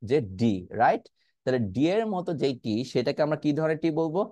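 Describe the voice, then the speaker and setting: A man's voice: fairly high pitch, animated, dark tone, dry recording. A man with a Bangladeshi accent leads a pronunciation class, stretching out words and saying them again and again so learners can copy them. He often checks whether everyone is following. The recording is dry and close, with no room sound. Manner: repeats words slowly, stretching sounds to demonstrate; asks checking questions, mixes English into his talk. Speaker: English pronunciation teacher. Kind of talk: online pronunciation lesson.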